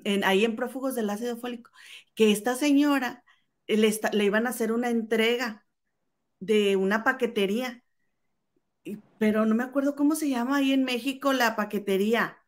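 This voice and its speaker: A woman's voice: fairly high pitch, normal speed. A woman with a Mexican Spanish accent, co-hosting a casual gossip podcast and telling a story with acted-out quoted voices. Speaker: podcast co-host.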